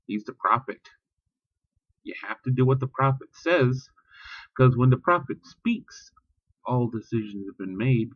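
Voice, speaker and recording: A man's voice: medium pitch, dry recording, dull audio. A man ranting bluntly and profanely in a casual vlog, talking about religion with heat. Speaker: vlogger. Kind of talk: casual spoken rant.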